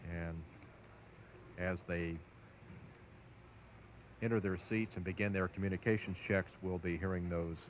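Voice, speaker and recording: A man giving measured, formal live commentary as a launch commentator. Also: low-pitched, steady tone. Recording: faint background noise.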